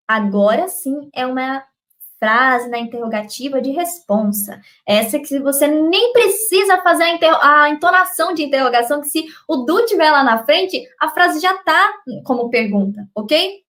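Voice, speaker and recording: A woman's voice: high-pitched, expressive, moderate pace, a bit bright. A woman with a Brazilian Portuguese accent teaching an English class on a live stream, upbeat, often checking in with her students. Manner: upbeat, checks in constantly with "ok?" and "beleza?". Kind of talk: live online English lesson.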